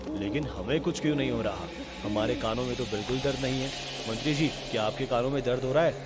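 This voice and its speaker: Cartoon king, firm and commanding, mid-pitched, voiced by a man, music behind. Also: quick pace, close to an everyday voice. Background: background music.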